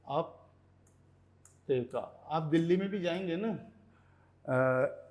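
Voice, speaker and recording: High-voiced man teaching slow vocabulary. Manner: repeats words slowly, often says "ठीक है". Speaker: language teacher. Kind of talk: Hindi lesson teaching Russian vocabulary.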